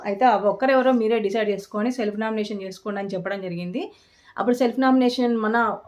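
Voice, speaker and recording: Woman, fast-paced, chatty vlogger, opinionated recap. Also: medium pitch, a little mellow. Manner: chatty, opinionated, frequent restarts and fillers. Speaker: vlogger recapping a reality show. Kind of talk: casual recap vlog.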